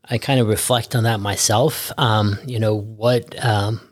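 A man in his fifties from Norway, a guest physician speaking reflectively with many pauses and fillers. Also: fairly low pitch, steady tone, no echo, studio quality. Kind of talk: podcast interview.

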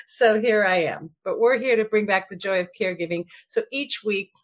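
A woman co-hosting a podcast in casual chat, chatty and upbeat, with her morning voice lower than usual. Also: moderate pace. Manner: chatty and upbeat, lots of fillers. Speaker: podcast co-host.

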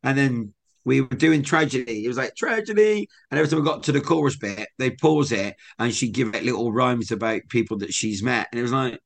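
Telling stories briskly in a creaky mid-range voice, a young English podcast co-host keeps the casual chat lively and upbeat.

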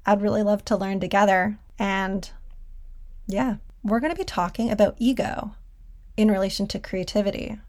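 A woman's voice: medium pitch, normal speed, a little mellow. A woman hosting a solo podcast from her closet at home, talking casually and conversationally with a self-deprecating streak. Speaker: podcast host and designer. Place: small clothes closet at home.

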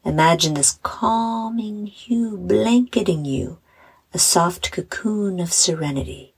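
Woman, sleep story narrator, bedtime guided meditation, very slow, husky and breathy, soothing, hushed, gentle. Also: on the low side. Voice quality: breathy, soft. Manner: soothing, hushed, gentle delivery with breathy trailing phrase ends.

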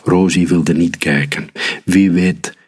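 A man reading a children's story aloud, calm and unhurried. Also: low-pitched, husky.

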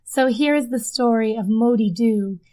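A woman's voice: a little high, moderate pace, mellow, rough recording. A woman hosting a podcast, telling stories in a chatty way that circles back on itself, recorded under a blanket fort in her den. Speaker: podcast host. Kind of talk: casual podcast storytelling. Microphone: desk microphone under a blanket.

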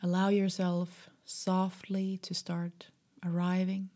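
A woman guiding a meditation in a soft, breathy, half-whispered voice, gentle, soothing and unhurried. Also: lowish voice, completely flat delivery. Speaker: meditation guide. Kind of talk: slow guided meditation.

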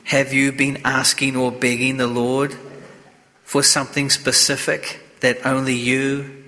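Priest guy giving a slow solemn sermon, bright forceful voice, big cathedral echo. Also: medium pitch, level tone. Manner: solemn, deliberate, measured phrasing. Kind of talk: sermon and scripture reading at Mass. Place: inside a church. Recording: long cathedral-like echo of a church.

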